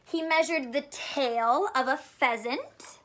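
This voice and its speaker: A woman in her thirties reads a picture book to young listeners, teaching simply and asking questions, from inside a small furnished room at home. She speaks slowly in a high, bright, forceful voice.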